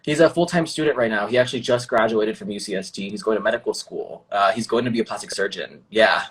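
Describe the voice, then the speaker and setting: A young man talking as a guest in a casual chat, relaxed, with lots of "like" and fillers. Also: fairly low pitch, fast talker. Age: young adult. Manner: relaxed, filler-heavy, says "like" often. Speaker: guest, beauty artist.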